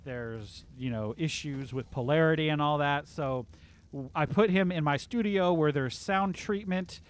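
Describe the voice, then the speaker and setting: A man's voice: on the high side, unhurried, clear, resonant tone. A man hosting a casual game livestream from home, chatting in an upbeat way and reading viewer comments aloud. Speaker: livestream host. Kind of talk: casual live-stream chat.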